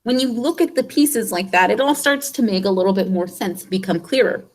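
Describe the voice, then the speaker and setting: Woman teacher going over exam review, asks little questions then answers them, repeats the main points, mid pitch. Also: a little fast, darkish tone. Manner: explains step by step with rhetorical questions; repeats key points patiently. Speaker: biology teacher.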